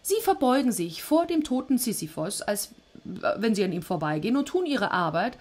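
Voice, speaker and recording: A woman's voice: mid-range voice, very animated, normal speed, a little mellow. A woman voicing two ghostly male underworld messengers who report back eagerly, reading a Greek myth aloud.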